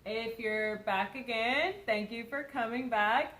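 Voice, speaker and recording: A woman's voice: on the high side, slow, fairly bright tone, reverberant, poor audio. A young woman from Kentucky with a mild Southern accent, co-hosting a casual, giggly chat. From Kentucky, USA. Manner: chatty, giggly. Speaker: co-host.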